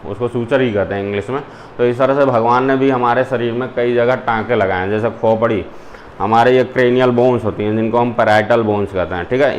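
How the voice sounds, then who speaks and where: Man, zoology teacher, step-by-step lecture, mid-pitched voice, faint hiss behind. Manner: explains step by step, mixing in English terms. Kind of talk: classroom lecture.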